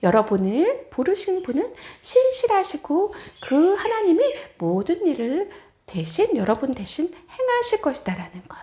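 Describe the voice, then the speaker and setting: A woman preaches to children in an animated storytelling way, often turning to ask them questions. Her voice is very high and swings widely in pitch. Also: normal speed, hardly any pauses. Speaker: children's ministry evangelist.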